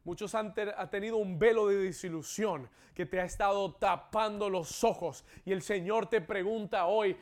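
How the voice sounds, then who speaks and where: A man with a notably high voice preaches in a church service, speaking Spanish and echoing lines in English. He moves from quiet questions to fervent, rising exclamations. His delivery is that of a pastor working a live congregation. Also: normal speed, hardly any pauses. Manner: preaching, builds to exclamations and call-outs. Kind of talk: bilingual sermon with English echoes.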